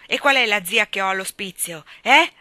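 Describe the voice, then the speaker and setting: A woman reading aloud voices an old man in his sixties who shouts his indignation. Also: mid-range voice, normal speed, no room sound. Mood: furious shouting. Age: 60s. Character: angry old man, bushy brows, bad-tempered.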